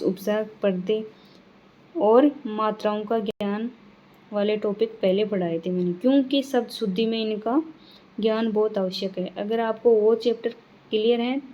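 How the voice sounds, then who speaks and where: A woman teaching a grammar lesson, reading words one by one and adding quick reminders to her students. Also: medium pitch, warm tone, muffled recording. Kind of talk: classroom lesson reading word lists.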